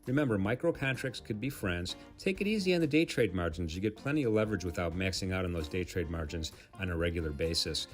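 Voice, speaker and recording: A man reading a scripted trading risk disclaimer in a brisk, advisory way. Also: low voice, animated. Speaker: disclaimer narrator. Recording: faint guitar music under voice. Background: music.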